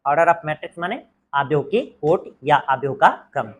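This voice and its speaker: A man's voice: a little high, normal speed. Guy teaching a math class, keeps asking questions then answering them himself. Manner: asks questions and answers them himself, repeating key words. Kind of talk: exam-prep math lesson.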